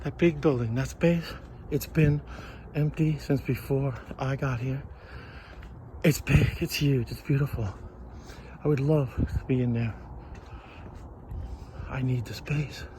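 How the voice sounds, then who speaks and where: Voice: mid-range voice, fairly even intonation, slow pace, pauses often, mellow, slight background noise. A vlogger chatting casually while walking around town outdoors, playful and rambling, recorded on a handheld phone. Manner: chatty, playful, rambling, sings little ditties. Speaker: vlogger on a walk.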